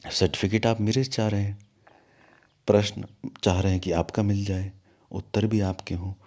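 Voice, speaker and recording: Low, mellow man; spiritual teacher recounting an incident, animated and scolding in turns. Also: unhurried, gravelly, long pauses. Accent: Hindi, from north India. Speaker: guru of an ashram. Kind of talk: storytelling in an interview.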